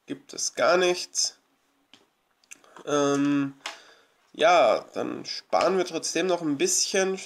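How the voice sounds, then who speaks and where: A gravelly, slightly higher-pitched man talks through a management game as a let's play host. His commentary is loose and rambling, with lots of hesitations and restarts. He comes across as eager and thankful toward his audience. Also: expressive, slow pace, long pauses, a little hiss or hum. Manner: chatty, rambling, many fillers and restarts; grateful, eager. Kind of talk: casual gameplay commentary.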